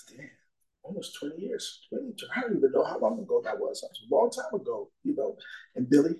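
A man's voice: mid-range voice, warm tone, reverberant, poor audio. A middle-aged man giving a long, rambling personal recovery talk as a guest speaker, peppered with "you know" asides.

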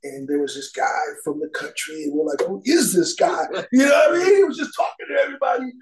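A man's voice: sits high, big pitch swings, fast talker, echoey room, slight background noise, rough recording. A middle-aged man giving a long, rambling personal recovery talk as a guest speaker, peppered with "you know" asides.

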